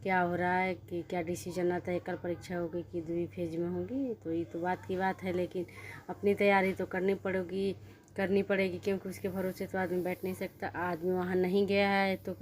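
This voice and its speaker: Young woman, Bihari Hindi accent, casual study-vlog talk; low, level delivery, earnest and self-correcting, faint hiss behind. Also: a little mellow. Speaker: vlogger studying for a teacher exam.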